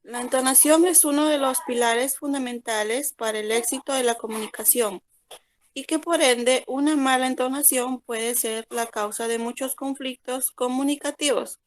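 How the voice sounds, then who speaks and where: A woman student reads her part of a class presentation. Her voice is high, and she reads carefully and evenly. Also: normal speed. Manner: careful, even reading.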